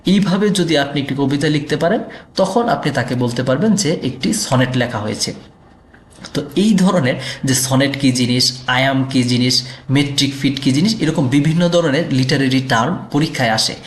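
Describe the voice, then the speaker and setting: A man's voice: medium pitch, moderate pace, roomy sound. A man teaching an exam prep lesson, explaining step by step with frequent fillers and self-corrections. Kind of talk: explanatory lecture.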